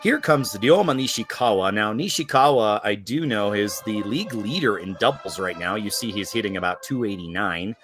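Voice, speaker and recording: A man's voice: lowish voice, lively intonation, normal speed, hardly any pauses, music in the background. A man giving live play-by-play commentary on a baseball game.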